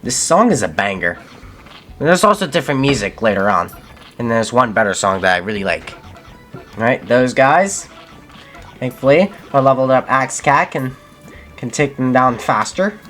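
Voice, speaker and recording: A man's voice: medium pitch, expressive, normal speed, pauses often, a bit bright. A young man giving casual gameplay commentary as a channel host, thinking aloud and correcting himself mid-sentence. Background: faint game music.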